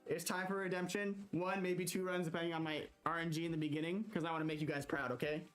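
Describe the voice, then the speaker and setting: A man co-hosting a livestream, chatting casually and commenting on his game, excitable and often repeating words. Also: on the high side, quick pace, soft background music. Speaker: livestream co-host and gamer.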